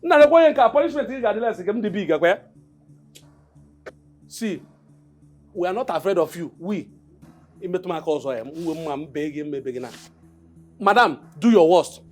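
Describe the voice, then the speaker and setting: Brash high-voiced Nigerian hothead. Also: male voice, expressive, brisk, pauses often, soft background music. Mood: defiant. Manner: brash, confrontational. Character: defiant hot-headed young male subject. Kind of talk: film drama acting.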